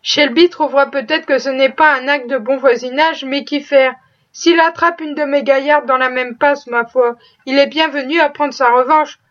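A woman voicing a rough but kind-hearted older farmer who talks bluntly and swears. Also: high voice, fairly even intonation, normal speed, lightly acted. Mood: gruff. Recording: dull lo-fi recording.

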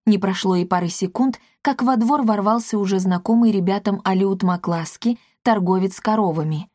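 A woman's voice: medium pitch, moderate pace, darkish tone, no room sound, clean studio sound. A woman narrating a children's storybook expressively. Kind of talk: storybook reading with voices.

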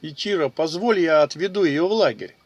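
A man voicing a smooth-talking male warrior who coaxes and flatters. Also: a little high, brisk, no room sound, dull audio. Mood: ingratiating. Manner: sweet-talking, ingratiating.

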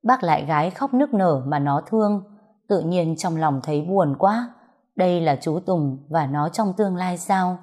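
A woman's voice: fairly low pitch, animated, a little slow, darkish tone. A woman reading a story aloud as scripted narration, voicing all the dialogue in her own voice.

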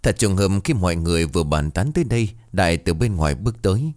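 A man tells a scripted story in a dramatic, expressive way. His voice is deep and low, with lively rises and falls in pitch. The sound is dry and close, with no room echo. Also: fast talker.

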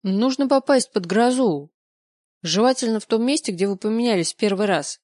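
A woman's voice: mid-range voice, animated, normal speed, darkish tone, no echo, clean studio sound, lightly acted. Woman doing a flippant, mocking angel. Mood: instructive. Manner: drawling, mocking, bossy. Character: flippant male angel, lazy and sarcastic.

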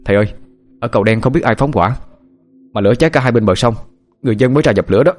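A man voicing an alarmed young male monk who runs in shouting news. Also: mid-range voice, rapid-fire, soft background music, pitched above the performer's own voice, lightly acted.

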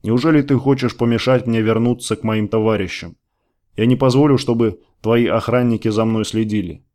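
A man's voice: fairly low pitch, fairly quick, darkish tone, natural voice. A man voicing an earnest young idealist fighter who pleads and promises, in an audiobook reading. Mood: defiant. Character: young idealistic male rebel, earnest and in love.

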